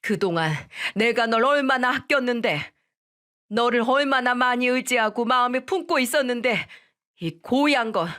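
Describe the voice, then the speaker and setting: A woman voicing a strict middle-aged mother-in-law who scolds and gives orders in a firm, fairly high voice. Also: animated, normal speed, fairly bright tone. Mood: scolding. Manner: stern, scolding.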